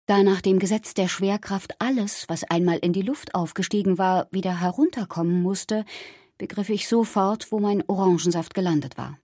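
A woman with a husky voice reading a first-person story aloud in a lively way. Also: mid-range voice, normal speed, no echo, clean studio sound. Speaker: narrator. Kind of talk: audiobook narration.

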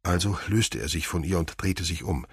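A man reading an audiobook in a measured, even scripted narration. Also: sits low, slightly rough, no echo, studio quality.

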